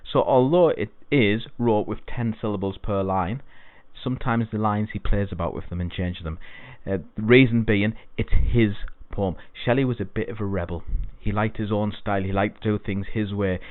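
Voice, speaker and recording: A man's voice: fairly low pitch, moderate pace, no room sound. A man teaching an exam-prep poetry lesson, explaining things patiently and repeating key points. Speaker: English tutor. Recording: dry, phone-like lo-fi sound.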